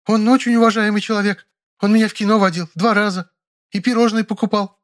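A man voicing a frightened, simple-minded young peasant housemaid who squeaks and stammers through tears. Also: steady tone, quick pace, natural voice. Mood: squeaky, pleading.

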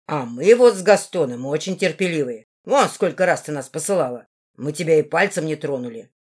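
A smug young nobleman, as a woman reader puts him on, his voice lowered and steady. He mocks with calm confidence. Storybook gentry with a cold edge. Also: fairly quick, slightly rough. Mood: mocking.

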